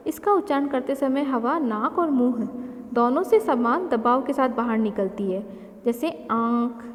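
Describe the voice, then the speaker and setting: A woman teaching a grammar lesson, explaining slowly and carefully with spoken examples. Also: sits high, a little mellow. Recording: long reverb.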